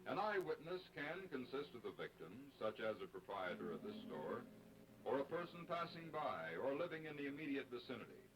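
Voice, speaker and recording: A man's voice: mid-range voice, very animated, fairly bright tone, a little hiss or hum, poor audio. 1950s-style American male film narrator. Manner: formal, measured, instructional. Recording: vintage film soundtrack.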